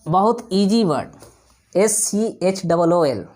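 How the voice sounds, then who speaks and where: Guy teaching english basics, asks himself questions then answers, says each word over and over slowly. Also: sits high, animated, darkish tone. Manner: repeats words slowly to drill pronunciation; explanatory, asks and answers his own questions. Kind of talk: classroom lesson explaining spelling and pronunciation.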